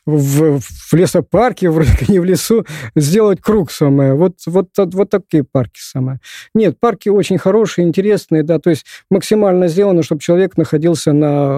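A man in his sixties, a hiking expert, is a guest on a podcast, telling long rambling stories packed with filler words in casual interview chat. His voice is high with a dark tone, recorded in studio quality with no echo.

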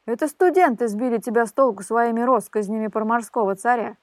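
Woman voicing a chuckling old fisherman of a fairy tale, teasing, raised high voice. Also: a little fast, no echo, close to an everyday voice. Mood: scolding, teasing. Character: good-natured mocking old fisherman.

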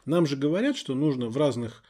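Animated and brisk, a mellow medium-pitched male voice chats casually on a podcast as co-host. He plays out imaginary exchanges like a storyteller, recorded close-miked in a studio.

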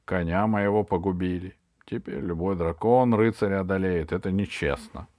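A male reader voicing a brave, upright hero knight in an audiobook, declaiming loudly. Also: low voice, normal speed, no room sound, studio quality, lightly acted. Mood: grumbling. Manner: loud, declaiming. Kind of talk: audiobook reading.

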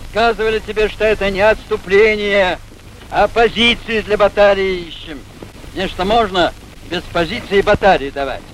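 An actor playing a testy, folksy Russian soldier in a historical film, with a slightly noisy soundtrack. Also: male voice, high voice, normal speed, close to an everyday voice. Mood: exasperated.

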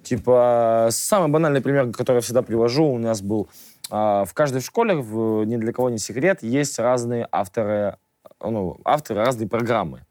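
A man with a mid-range, darkish voice speaks at a moderate pace as a guest in a radio studio interview, with no room sound. Casual but emphatic, he pushes his opinions hard, his rants building in force.

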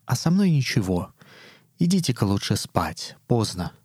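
A man's voice: medium pitch, big pitch swings, normal speed, darkish tone, slightly rough, dry recording, clean studio sound. A man voicing a withdrawn young daughter who answers her parents curtly and gloomily. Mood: sullen. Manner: curt, gloomy and impatient.

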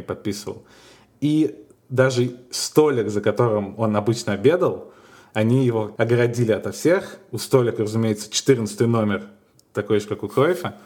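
A man co-hosting a podcast, chatting casually and telling stories in a musing, unhurried way with small hesitations. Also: on the low side, a little mellow. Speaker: podcast co-host.

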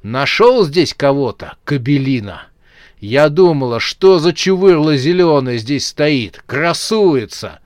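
A man's voice: medium pitch, sing-song, takes it slowly, dry recording, studio quality. A man putting on a fiery jealous young girlfriend. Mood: jealous scolding. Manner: scolding, indignant outbursts. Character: feisty jealous young girlfriend, sharp-tongued.

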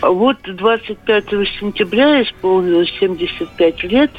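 A woman's voice: mid-range voice, lively intonation, moderate pace, soft background music. An elderly woman in her eighties calling a radio phone-in over a phone line, telling a personal story. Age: 80s. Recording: dull band-limited phone line.

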